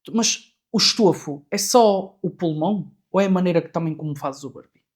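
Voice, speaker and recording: A man's voice: high-pitched, brisk, slightly rough. Emphatic Portuguese man hosting a podcast. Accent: European Portuguese. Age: 40s. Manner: questioning, emphatic. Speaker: podcast host. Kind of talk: casual chat.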